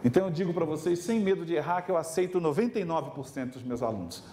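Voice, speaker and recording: A middle-aged man lecturing teachers at an event, animated and acting out little scenes with his students. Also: on the high side, quick pace. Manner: animated, acts out dialogue with students. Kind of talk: lively talk to a live audience. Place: event hall.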